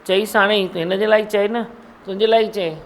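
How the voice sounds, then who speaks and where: A woman's voice: medium pitch, steady tone, moderate pace. A woman guru gives a sermon, scolding and teasing her listeners and mimicking their mumbling. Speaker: spiritual guru. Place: satsang hall.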